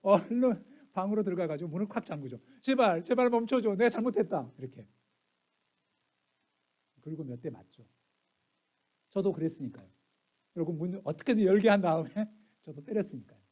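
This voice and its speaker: A middle-aged male pastor preaching, his voice pitched high for a man yet mellow and warm in tone. He tells stories and acts out the lines of others, dropping to near hushes and rising to loud bursts. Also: animated, brisk, pauses often. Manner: storytelling, acts out family quotes, swings soft to loud. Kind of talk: sermon.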